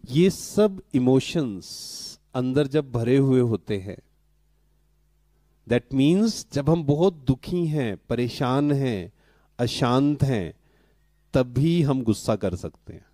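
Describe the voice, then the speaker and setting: A middle-aged man giving a spiritual talk to a live audience, calm and questioning, who keeps asking the audience to answer and mixes in English words. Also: medium pitch, dry recording. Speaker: spiritual speaker.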